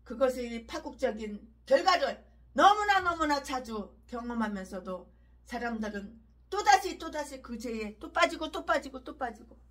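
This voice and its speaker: A woman's voice: high-pitched, lively intonation, moderate pace, fairly bright tone. A woman pastor giving a fiery sermon, ranting harshly with repeated emphatic phrases.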